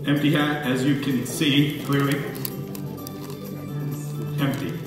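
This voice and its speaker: A man's voice: mid-range voice, level tone, slow pace, distant mic. A man performing live comedy magic patter like a kids' party magician, playfully bumbling and coaxing his audience along. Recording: echoey hall from afar, loud music.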